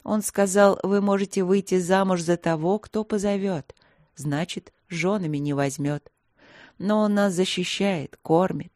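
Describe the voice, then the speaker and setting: Brief: narrator playing a timid, grateful blind woman; quiet, slow, gentle, audiobook. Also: lowish voice, fairly even intonation, no room sound, clean studio sound, lightly acted. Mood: meek. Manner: soft, slow, meek speech.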